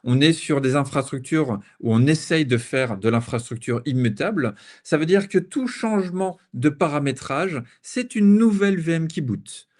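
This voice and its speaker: A man's voice: fairly high pitch, expressive, normal speed, few pauses, darkish tone. A man from France giving a technical conference talk with playful analogies, sometimes stumbling over repeated words. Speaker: conference speaker.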